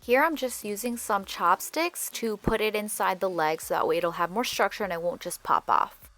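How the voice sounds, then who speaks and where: Over faint music, a woman in a mid-range, slightly bright voice narrates at a normal pace. She hosts a doll repaint tutorial, giving a casual, chatty and candid voice-over, and her braces alter her speech a little.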